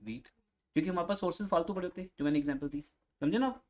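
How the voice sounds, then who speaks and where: A man's voice: high-pitched, animated, rapid-fire, darkish tone. Man teaching in a lo-fi lecture. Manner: explains with everyday examples and questions to students. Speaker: commerce teacher. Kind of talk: classroom lecture. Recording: slightly dull lo-fi recording.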